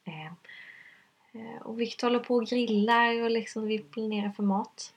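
A woman's voice: fairly high pitch, steady tone, husky, highs cut off. A woman telling a personal story in conversation, hesitant and earnest, with many fillers. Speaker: guest.

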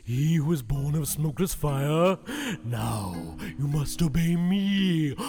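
A pompous shapeshifting spider villain for a comic fantasy audio drama. He is high-pitched and draws his words out theatrically, with music behind him. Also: expressive, slow pace, mellow, echoey room, long reverb tail. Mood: gloating. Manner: pompous, melodramatic.

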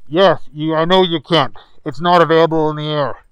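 A man's voice: on the high side, fairly even intonation, normal speed, a bit bright, clear, resonant tone, no room sound, close to an everyday voice, rough recording. A man voicing a curt, dismissive male pilot.

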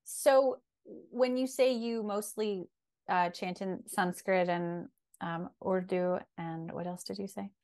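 A woman hosting an interview, enthusiastic, with hesitant, halting phrasing. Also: medium pitch, fairly even intonation, darkish tone. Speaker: interviewer host. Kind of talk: casual interview conversation.

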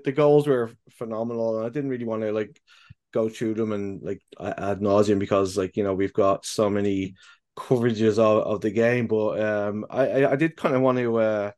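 A man co-hosting a podcast, talking casually in halting bursts full of restarts and fillers, with casual swearing. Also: fairly low pitch. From the UK and Ireland. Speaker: podcast co-host. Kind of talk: casual chat.

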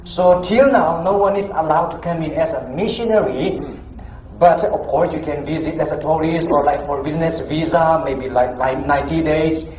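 A man from Myanmar with a Burmese accent and non-native, somewhat halting English, giving a missionary testimony to a church congregation. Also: fairly high pitch, darkish tone. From Myanmar, Chin State. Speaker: missionary preacher, guest speaker. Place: indoors in an echoey church. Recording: echoey room, dull muffled sound, faint noise.

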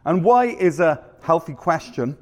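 A man's voice: a little high, lively intonation, a little slow. A man, preaching a sermon in a conversational, storytelling manner with rhetorical questions. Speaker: pastor.

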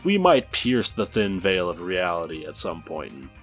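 A man's voice: low-pitched, very animated, moderate pace, over music. A man co-hosting a casual podcast, making dry, mock-serious jokes. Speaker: podcast co-host.

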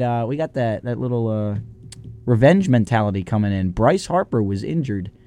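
A young man co-hosting a college sports radio show, giving casual game recaps with dramatic, drawn-out emphasis. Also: mid-range voice, darkish tone.

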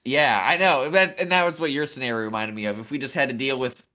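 Bright, forceful American guy, sweary and emphatic. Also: medium pitch, fast talker. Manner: emphatic, sweary bro-like slang. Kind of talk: casual chat about books and hypotheticals.

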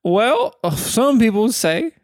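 A man's voice: sits high, big pitch swings, slow, no room sound, studio quality, pitched above the performer's own voice, heavily acted. Man acting a rambling, friendly town drunk. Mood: rambling, amiable. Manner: folksy, rambling drunk talk. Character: friendly slurring town drunk, male blacksmith's apprentice. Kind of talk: tabletop role-play character.

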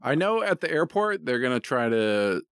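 A man's voice: medium pitch, big pitch swings, moderate pace, a bit bright, smooth, no room sound, clean studio sound. A man talking casually as a co-host, informal and given to swearing. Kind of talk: casual chat.

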